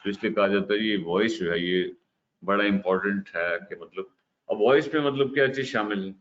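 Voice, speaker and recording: A deep-voiced man with a fairly bright tone lectures on communication, explaining slowly and mixing English terms into his Hindi-Urdu. He checks in often with "ठीक है," and the recording is slightly dull with a faint hiss.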